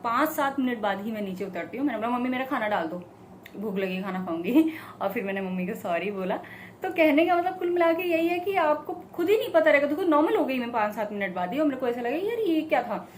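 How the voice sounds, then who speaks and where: A young woman talking casually to her viewers, telling a personal story in a chatty, animated way. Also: a little high, slight background noise. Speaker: vlogger. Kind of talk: casual talk to camera.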